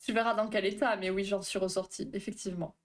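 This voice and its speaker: A woman therapist hosting a live stream, chatting casually with viewers, reading the chat aloud, talking fast and tripping over her words. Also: mid-range voice, little pitch movement.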